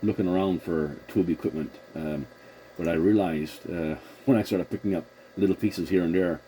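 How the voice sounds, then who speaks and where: A deep, dark-toned male voice at a moderate pace belongs to a CB radio operator hosting the contact. He chats casually, agreeable and a little hesitant, on a noisy recording.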